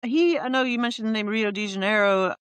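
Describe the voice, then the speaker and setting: Smooth-voiced woman asking easy questions. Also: medium pitch, a little fast, no echo. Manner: brief, easygoing questions. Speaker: interviewer host. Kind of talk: casual interview.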